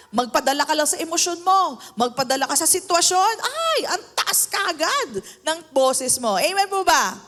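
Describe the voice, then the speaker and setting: A woman's voice: very high-pitched, a bit bright. A Filipino woman pastor preaching a sermon, mixing Tagalog and English and calling for amens from the congregation. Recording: long hall reverb.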